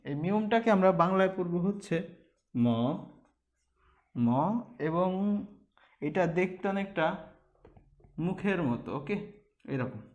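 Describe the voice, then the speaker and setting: Slow, repetitive male language teacher. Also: sits high, animated. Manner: drills each letter sound over and over, checks in with "okay?". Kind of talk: slow, repetitive Korean alphabet lesson.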